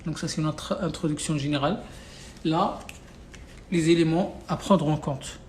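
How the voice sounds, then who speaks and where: This man, whose first language is Arabic, speaks at a moderate pace in a fairly high, darkish-toned voice while teaching a live online class away from home with no whiteboard. He is casual and insistent, repeating points with many fillers and restarts, over slight background noise.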